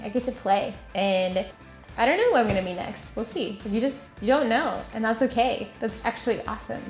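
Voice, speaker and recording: A woman's voice: fairly high pitch, a little mellow. Young woman stunt performer, breezy and upbeat, echoey room. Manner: upbeat, chatty, many fillers. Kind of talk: casual interview. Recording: roomy echo, faint music.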